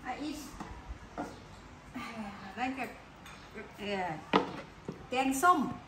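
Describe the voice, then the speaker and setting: A woman's voice: a little high, very slow. A Thai woman with a Thai accent chatting casually in short, simple English while riding outdoors. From Thailand. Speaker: vlogger. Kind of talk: casual chat. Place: outdoors on a bike ride. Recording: outdoor recording with loud noise behind.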